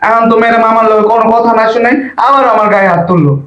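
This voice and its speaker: A man's voice: very high-pitched, very fast. Man acting as a pleading servant boy, dull echoey sound. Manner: pleading, deferential. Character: timid young male doorman's boy. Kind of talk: short comedy drama acting.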